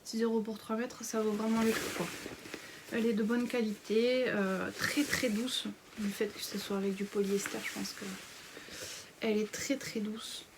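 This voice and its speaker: A woman's voice: mid-range voice, steady tone, moderate pace, background noise. A woman in her thirties chatting casually through a sewing haul, hesitant with many fillers and often half-whispering. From France. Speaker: sewing vlogger. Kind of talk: casual fabric haul chat.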